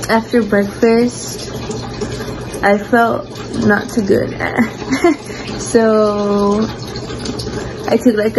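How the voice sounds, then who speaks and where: A young adult woman vlogs her day from a small bedroom at home, speaking into a phone camera held at arm's length. She is chatty and relaxed, full of "likes" and "ums," in a casual day-in-my-life style. Her voice is on the high side, with a noisy background.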